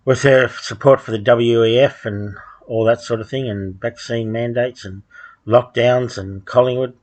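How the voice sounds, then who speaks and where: A man, delivering a rambling solo monologue at home, halting with frequent ums and restarts and dry sardonic asides. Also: mid-range voice, steady tone, darkish tone. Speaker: podcast host.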